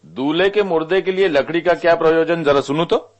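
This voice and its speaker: A man's voice: fairly high pitch, a little fast, natural voice. A man playing a scornful cruel landlord. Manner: scornful, barking orders.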